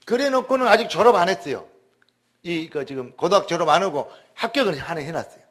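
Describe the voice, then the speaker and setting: Male pastor, high-pitched, emphatic storyteller, repeats words for stress. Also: lively intonation, fast talker, a bit bright. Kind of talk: sermon testimony.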